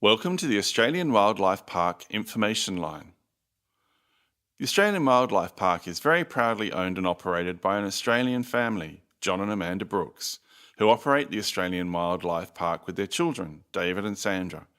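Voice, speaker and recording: A courteous recorded information-line message in a low man's voice. The delivery is formal and measured, with a lively rise and fall as it promotes a visitor attraction. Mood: courteous, informative. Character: recorded phone message announcer for a wildlife park, man, courteous. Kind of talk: scripted recorded phone message, informational announcement.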